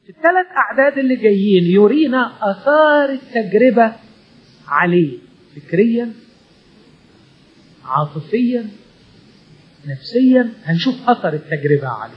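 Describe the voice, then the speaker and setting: A man preaching a sermon in an Egyptian Arabic accent, voicing heartfelt prayer in the first person and sinking to a hush. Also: sits high, big pitch swings, normal speed, pauses often, breathy edge, highs cut off. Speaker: pastor.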